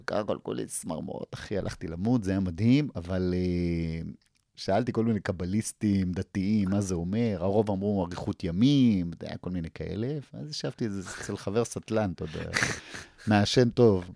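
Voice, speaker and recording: A man's voice: gravelly, no room sound, clean studio sound. A middle-aged man, a comedian, telling stories in casual chat and acting out quotes with big jumps in his voice. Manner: animated, acts out quotes with big pitch jumps. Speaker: guest comedian. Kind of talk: casual storytelling.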